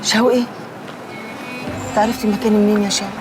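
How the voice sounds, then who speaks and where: Egyptian mother, worn down, actress, rapid speech, drama score. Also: medium pitch, little pitch movement, natural voice. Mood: weary. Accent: Egyptian Arabic. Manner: weary, defensive. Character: weary mother selling by a mosque, middle-aged. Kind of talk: TV series acting. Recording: drama music behind.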